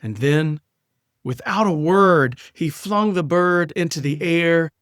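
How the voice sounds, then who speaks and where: A middle-aged man, reading his own poem aloud in a measured, wry storytelling way. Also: fairly high pitch, fairly bright tone, dry recording, clean studio sound. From South Carolina. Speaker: poet. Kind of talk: poetry reading.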